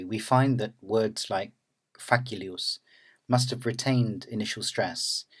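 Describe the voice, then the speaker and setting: A man narrating an academic lecture in a measured, explanatory way. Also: lowish voice.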